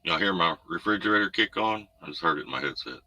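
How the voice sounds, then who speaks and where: A man with a deep voice hosts a casual trucker livestream from a room at home, rambling laid-back through viewer comments. He talks fast with lively intonation and a pushed, bright tone, picked up by a desk USB condenser mic over background noise.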